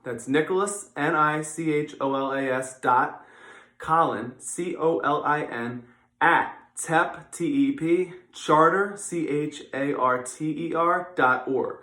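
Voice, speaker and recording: A man's voice: fairly high pitch, slow, bright, forceful tone. A man giving an instructional exercise demonstration as a gym teacher, informal and encouraging, repeating his instructions and raising his voice for counts. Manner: encouraging, counts repetitions aloud in raised voice. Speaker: physical education teacher. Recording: echoey room.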